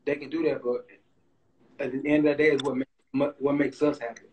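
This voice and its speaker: A man's voice: mid-range voice, little pitch movement, brisk, darkish tone, slight background noise, low-quality recording. A man in his twenties, a guest in a casual interview, talking in a laid-back, plainspoken way and cursing freely. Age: 20s. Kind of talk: casual conversation.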